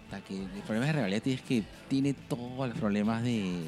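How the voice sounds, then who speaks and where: A man's voice: mid-range voice, fast talker, over music. A man with a Peruvian accent chatting casually as a podcast co-host, swearing often and laughing through his stories. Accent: Peruvian Spanish. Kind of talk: casual chat.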